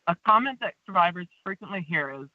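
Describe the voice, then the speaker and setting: A woman on a phone line giving a public comment at a planning meeting, reading an earnest, measured prepared statement. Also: fairly low pitch, animated, dry recording. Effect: tinny phone line. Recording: tinny dry phone line.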